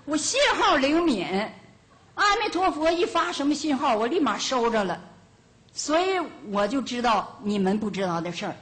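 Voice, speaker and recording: An older woman giving a Buddhist teaching as a lay teacher, telling lively homespun stories and chuckling now and then. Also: high voice, moderate pace. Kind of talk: storytelling dharma talk. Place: lecture hall of a Buddhist centre.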